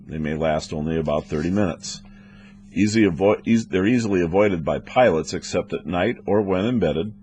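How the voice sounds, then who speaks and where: A deep, slightly mellow male voice reads scripted training narration. He is a weather instructor for air traffic controllers and explains things in a methodical way.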